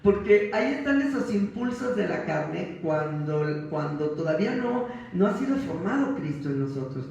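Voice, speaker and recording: A woman's voice: on the low side, big pitch swings, moderate pace, vocal fry, few pauses, a little mellow. A woman pastor with a Mexican accent preaching a sermon, telling funny stories and laughing along with the congregation. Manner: humorous storytelling with laughter. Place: church. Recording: echoey church hall, mic from far off.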